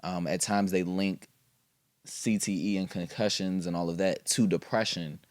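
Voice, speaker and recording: A man's voice: deep voice, fairly even intonation, normal speed, dry recording, studio quality. A man co-hosting a casual podcast discussion, explaining his views in a thoughtful way with fillers. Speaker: podcast co-host.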